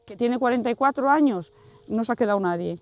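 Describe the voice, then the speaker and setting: A woman's voice: on the high side, animated, a little fast, darkish tone, faint music behind. A woman in her sixties, a village resident, talking plainly and spontaneously in an interview.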